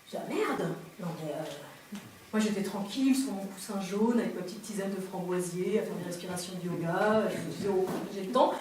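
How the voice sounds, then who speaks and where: A woman performing a storytelling stage monologue, lively and self-mocking, acting out sounds and cries. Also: medium pitch, brisk, a little hiss or hum. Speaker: performer of a political stage lecture. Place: theatre stage before an audience. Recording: distant, echoey stage recording.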